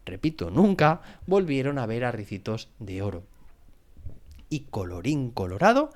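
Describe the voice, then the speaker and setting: A man narrating a children's story with an expressive, animated reading as a podcast host. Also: mid-range voice. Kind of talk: scripted bedtime story narration.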